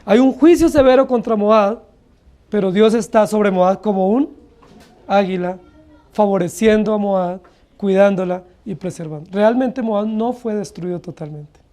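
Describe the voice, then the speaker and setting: A Colombian-accented man delivers an expository sermon from the pulpit with a mellow, warm tone. He preaches earnestly and keeps asking the congregation rhetorical questions. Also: high-pitched, a little slow. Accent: Colombian Spanish. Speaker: pastor.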